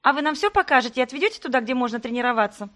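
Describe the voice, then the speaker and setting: Woman doing pushy twin girls, squeaky high, rapid-fire questions, storybook. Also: expressive, fairly bright tone. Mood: eager chatter. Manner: rapid breathless questions, shrill. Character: lively teenage twin girls, chattering and pushy.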